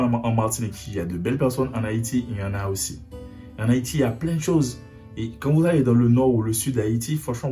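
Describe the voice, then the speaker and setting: With a mellow, mid-range voice, a young Haitian vlogger addresses the camera earnestly in a personal video message. Repetition is his way of driving the point home, and faint guitar music runs behind him.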